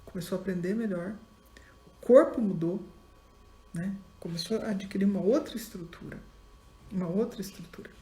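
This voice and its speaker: A woman's voice: mid-range voice, moderate pace, pauses often, warm tone. A woman with a Brazilian Portuguese accent, a psychology lecturer telling a case story in class and acting out both sides of the dialogue. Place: lecture room. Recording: echoey classroom.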